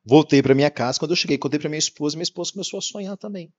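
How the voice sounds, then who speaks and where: Fast-talking Brazilian man telling his story. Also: fairly high pitch, dull audio. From Paraná, Brazil. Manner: lively, acts out dialogue with quoted voices, laughs often. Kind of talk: animated storytelling interview.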